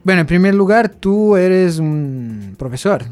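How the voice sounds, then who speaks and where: A man hosting a conversational radio interview, phrasing things with drawn-out, hesitant fillers. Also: high-pitched, lively intonation, a little mellow, soft background music. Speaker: radio host. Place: radio studio.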